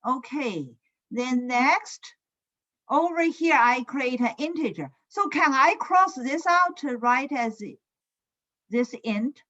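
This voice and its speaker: A woman lecturing in an online class, heard through a screen recording. She talks slowly, often checks "is it?" and fills gaps with "uh". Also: sits high, expressive, a bit bright, lo-fi sound. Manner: slow, with frequent "is it?" checks and "uh" fillers. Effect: screen-recorded online lecture audio. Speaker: computer science lecturer. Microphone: computer mic on a video call.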